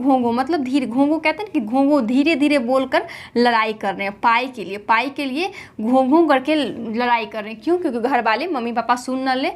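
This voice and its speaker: A woman teaching a general knowledge lesson, explaining memory tricks. She keeps asking rhetorical questions, answers them herself, and repeats each point several times. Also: high voice.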